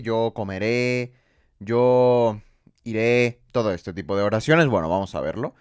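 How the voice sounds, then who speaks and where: A Spanish-speaking man teaching an English grammar lesson, explaining step by step and reading each example sentence slowly twice. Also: mid-range voice, dry recording, studio quality.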